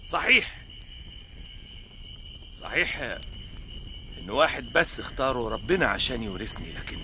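An actor with an Egyptian Arabic accent playing Abraham, an elderly patriarch, firm and commanding, turning to prayer. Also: male voice, high voice, bright, forceful tone, a little hiss or hum, full character voice. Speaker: actor in dubbed biblical drama.

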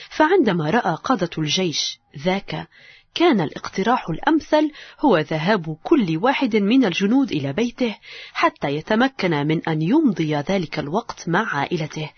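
A woman narrates a story with a gentle, expressive reading. Her voice is very husky and breathy, with a lively melody. The recording is dry and dull, with little high end. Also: no room sound.

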